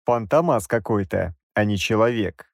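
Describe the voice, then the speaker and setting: A man narrating a first-person audiobook in a wry, expressive reading. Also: fairly low pitch, moderate pace, vocal fry, no room sound.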